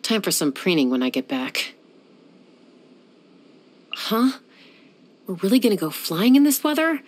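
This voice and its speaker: A young woman voices a game character in video game voice lines: a self-assured gunslinger who flies, settles disputes and teases dryly. Her medium-pitched voice swings widely in pitch, unhurried and cool.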